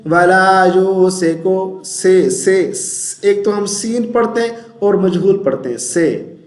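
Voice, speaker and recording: A man teaching Quran recitation and pronunciation, patiently repeating syllables slowly and chanting verses in drawn-out tones. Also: sits high, animated, mellow, roomy sound. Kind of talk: tajweed pronunciation lesson.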